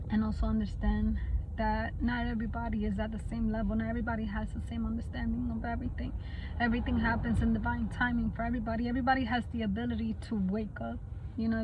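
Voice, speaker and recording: A woman in her forties talks casually and reflectively about personal growth, often saying "you know", in a vlog. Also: a little high. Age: 40s. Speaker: spiritual vlogger. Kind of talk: casual spiritual talk to camera. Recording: dull lo-fi recording with steady background noise.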